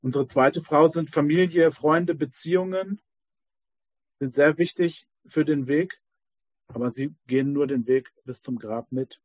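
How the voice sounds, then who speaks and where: Husky man telling a parable. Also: a little high, unhurried, a little mellow, no echo. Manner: hesitant, many fillers. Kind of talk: spoken talk with a told parable. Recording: dull, dry lo-fi recording.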